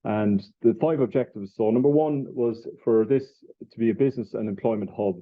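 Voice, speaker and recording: Irish man, forties, low voice, casual presenter, fillers and restarts, tinny phone-like sound. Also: moderate pace, dry recording. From Ireland. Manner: informal, with many fillers and restarts. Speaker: presenter at an industry event. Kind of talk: conference presentation. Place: conference room.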